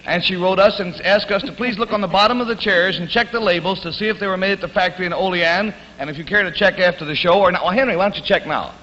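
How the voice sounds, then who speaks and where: A man's voice: high voice, fast, few pauses, sharp tone. A man hosting a game show in a folksy, chatty showman manner, heard through an old 1950s TV broadcast. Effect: old 1950s TV broadcast sound. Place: TV studio stage. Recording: dull lo-fi 1950s TV audio, reverberant studio, faint hiss.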